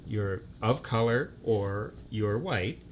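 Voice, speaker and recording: A young man co-hosting a podcast in casual chat, relaxed, stammering on restarts and trailing off. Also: lowish voice, slow pace, a little hiss or hum. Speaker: podcast co-host.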